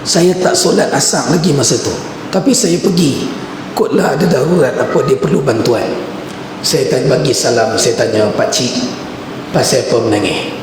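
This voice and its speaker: A man's voice: mid-range voice, moderate pace. A male preacher telling an anecdote in a conversational way during a religious lecture in a mosque. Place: mosque hall. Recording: echoey mosque hall with background noise.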